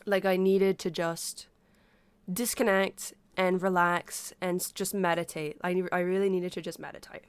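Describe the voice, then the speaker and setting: A woman sick with a stuffy nose chats casually to her livestream, speaking haltingly and pausing to breathe through her mouth. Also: fairly low pitch, steady tone, smooth, no echo. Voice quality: congested, stuffy-nosed. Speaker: livestreamer talking to viewers. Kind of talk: casual unscripted chat.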